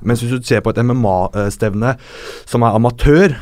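A man talking as a guest in a casual podcast chat, explaining at length in a relaxed way with lots of fillers. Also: medium pitch, no room sound, studio quality. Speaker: guest, martial arts expert.

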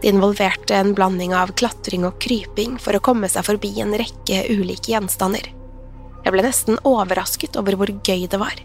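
A woman reading a first-person horror story aloud in a calm, measured way. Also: medium pitch. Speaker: narrator. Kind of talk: scripted horror narration. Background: soft music.

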